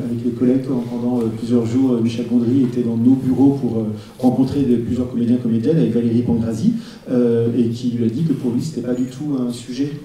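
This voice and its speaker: A man with a very dark, flat voice speaking measuredly on a public panel, often pausing with hesitations. He is distant in a very echoey hall. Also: medium pitch.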